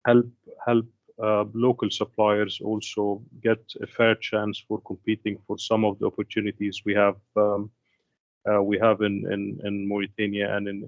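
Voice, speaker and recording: Procurement head from Egypt, male, low voice, dry muffled call sound, hesitant delivery. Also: no echo. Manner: halting, many restarts and fillers. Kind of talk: webinar opening remarks. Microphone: dialing in on a call. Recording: dull lo-fi call audio.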